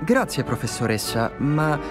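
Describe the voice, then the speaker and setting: A man's voice: a little high, sing-song, unhurried, music in the background. A young man playing an eager, polite teenage student wizard in a video game. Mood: curious.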